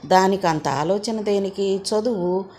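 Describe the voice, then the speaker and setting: A woman's voice: mid-range voice, unhurried, a little mellow, slight background noise, close to an everyday voice. A woman reading as a cheerful, reassuring young man. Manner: easygoing, encouraging.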